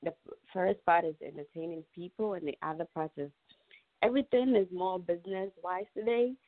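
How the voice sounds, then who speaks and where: Over a muffled phone line, an aspiring actor and model, a young Ghanaian-accented woman, chats casually as an interview guest on a podcast. She speaks at normal speed in a voice on the low side, with no room sound.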